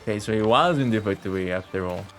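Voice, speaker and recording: A young man streams live gameplay with casual, slangy commentary packed with swearing. His voice is on the low side and quick, with game music playing in the background.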